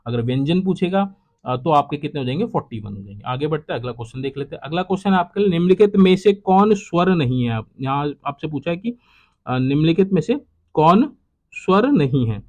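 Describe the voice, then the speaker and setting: Young male exam tutor, slightly high voice, repetitive question-by-question delivery that drops off low. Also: very animated, fairly quick, darkish tone. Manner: repetitive, drops to a low trailing voice at each close. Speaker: exam prep teacher. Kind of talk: solving quiz questions aloud.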